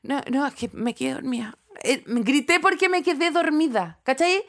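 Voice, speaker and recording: A Chilean woman in her thirties co-hosting a casual chat, telling stories in an animated, laughing way. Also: high voice, moderate pace. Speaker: podcast co-host.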